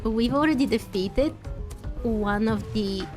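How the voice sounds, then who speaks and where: High-voiced woman doing casual game commentary. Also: slow pace, darkish tone, faint music behind. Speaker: gaming host.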